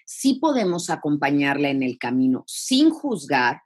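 A woman thanatologist with a Mexican accent giving advice in a podcast interview, expressive and full of rhetorical questions. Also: sits low, a little slow, slightly rough. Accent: Mexican Spanish. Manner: expressive, acts out quoted phrases, rhetorical questions. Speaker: thanatologist guest.

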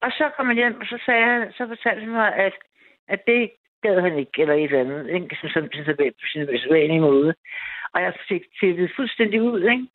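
Her lowish voice has lively intonation as she, a woman in her fifties, recounts a long story from her life on a call-in radio show. The telling is rambling and casual with many restarts and fillers, heard through a dry, tinny phone line.

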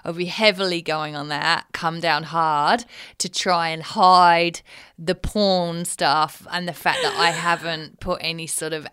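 A woman's voice: fairly low pitch, steady tone, unhurried, fairly bright tone, clean tone. A middle-aged woman, co-hosting a casual chat and frankly telling stories about her teenage kids. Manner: frank, storytelling, laughs easily. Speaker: podcast co-host.

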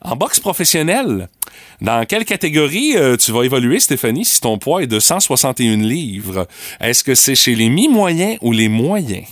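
A man's voice: mid-range voice, very animated, moderate pace, no echo, clean studio sound. A man with a Québécois accent hosting a morning radio show, running a quiz in a playful, teasing way. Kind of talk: casual radio banter. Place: radio studio.

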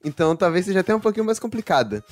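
A man's voice: sits high, big pitch swings, rapid-fire, a little mellow, soft background music. A man from Salvador with a Bahian accent, hosting a casual quiz game and laughing often. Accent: Bahian Portuguese. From Salvador, Bahia, Brazil. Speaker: quiz host.

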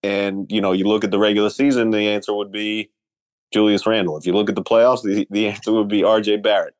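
Low-voiced man weighing options. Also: flat delivery, fast talker, no room sound. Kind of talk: casual sports talk.

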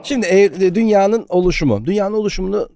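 A man co-hosting a podcast, telling playful bits in an animated, casual way. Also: high-pitched, fast talker, vocal fry, a little hiss or hum. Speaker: podcast co-host. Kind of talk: casual comedic chat.

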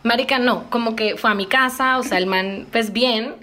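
A woman telling a story in casual chat, animated, laughing and swearing. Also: fairly high pitch, normal speed.

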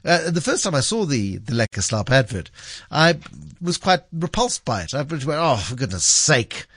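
A man's voice: medium pitch, very animated, moderate pace, a bit bright, breathy edge, no room sound. A man hosting a radio show with conversational commentary, emphatic and repeating phrases for effect.

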